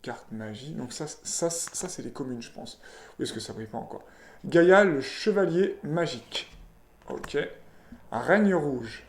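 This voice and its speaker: A card-opening video host with a slightly high, animated voice and a measured pace chats casually while opening trading card packs in a roomy, echoey room. As he unboxes, he reads card names aloud and says "voilà" and "ok" a lot.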